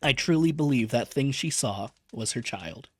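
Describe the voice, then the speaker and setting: A man reading a novel aloud as a streamer, gentle and emotional, pausing to chat about the story. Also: medium pitch, expressive, husky, no room sound. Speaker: vtuber book reader.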